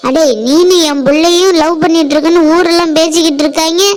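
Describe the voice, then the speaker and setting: A woman's voice: very high-pitched, fairly even intonation, fast talker. A woman voicing a fretful, suspicious village mother in a cartoon, who scolds and repeats herself when confused. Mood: scolding. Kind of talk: Tamil cartoon voice acting.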